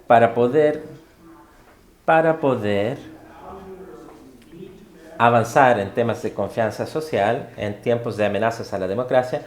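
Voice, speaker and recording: Halting man interpreting a lecture, roomy sound. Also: medium pitch. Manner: halting, with frequent fillers and self-corrections.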